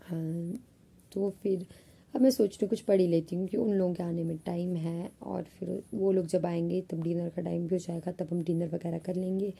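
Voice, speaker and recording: Young female vlogger, casual chat, husky and dark-toned, a bit low. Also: steady tone, brisk. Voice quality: husky, slightly rough voice.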